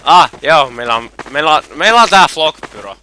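A man's voice: a little high, animated, pushed and bright, slight background noise. A man chatting and teasing his friend while gaming. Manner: teasing, joking. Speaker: gamer. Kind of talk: casual gaming chat.

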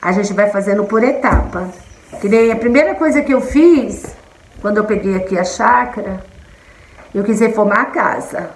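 A woman's voice: medium pitch, normal speed, roomy sound, rough recording. A middle-aged Brazilian woman chatting casually and affectionately to her viewers on camera. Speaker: vlogger. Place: indoors in a small kitchen.

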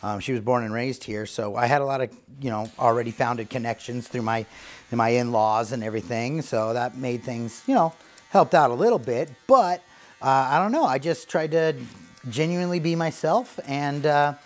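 This barbershop owner in his thirties talks at a moderate pace with a medium-pitched voice, faint music playing behind him. Cutting hair in the shop's basement during a relaxed interview, he sounds earnest and thankful and leans on lots of fillers.

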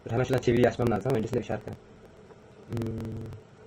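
A man's voice: medium pitch, level tone, a little hiss or hum, low-quality recording. A man in his twenties, a live streamer, chatting casually with his viewers and muttering slangy asides to himself as he types. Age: 20s. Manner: fast, slangy, mutters to himself while typing. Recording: loud music playing behind the voice. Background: loud music.

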